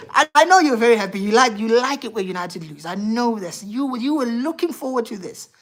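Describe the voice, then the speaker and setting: A woman's voice: fairly high pitch, big pitch swings, normal speed. A woman hosting a football live stream, ranting heatedly and profanely about her team and replying to viewer chat. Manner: reads out viewer chat and replies. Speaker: football livestream host.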